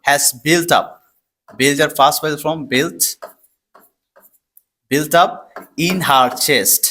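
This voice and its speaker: A man's voice: fairly high pitch, steady tone, extremely slow, pushed and bright, a little hiss or hum. A man giving a step-by-step English vocabulary lesson, repeating words and asking himself questions as he explains. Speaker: English teacher.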